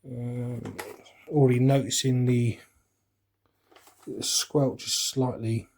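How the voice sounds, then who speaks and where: This is a man in his forties from West London, a hobbyist vlogger with a London English accent who reminisces in an easygoing, rambling way during an unboxing. His medium-pitched voice is slow and creaky, a little mellow, with fairly even intonation.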